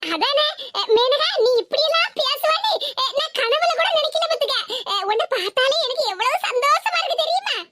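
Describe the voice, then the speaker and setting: A woman voicing a sharp-tongued, teasing village woman in a cartoon, with a Tirunelveli Tamil accent. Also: extremely high pitch, lively intonation, normal speed, a little hiss or hum, exaggerated voice. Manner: teasing, mocking, laughs often.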